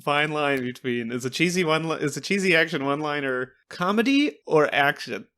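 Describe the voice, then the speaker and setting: Male podcast co-host, slightly high, very lively pitch, giggly trivia-sharer. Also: normal speed. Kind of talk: casual movie-review chat.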